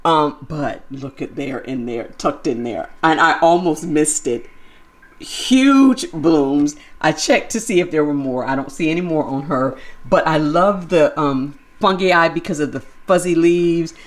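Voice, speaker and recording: A woman's voice: low-pitched, a little slow. A woman vlogger giving a chatty, enthusiastic tour of her plant collection while filming handheld. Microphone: handheld camera moved while filming.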